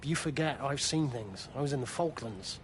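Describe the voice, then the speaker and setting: A man's voice: mid-range voice, expressive, normal speed, a little hiss or hum, natural voice. A man playing a worried, grumbling stationmaster. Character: grumbling middle-aged stationmaster, anxious.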